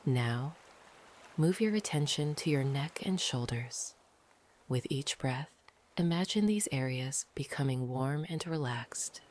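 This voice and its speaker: Ambient noise sits behind this guided meditation narration, delivered slowly and calmly in a soft, breathy, frequently whispered mid-range voice. The guide leaves long pauses between phrases.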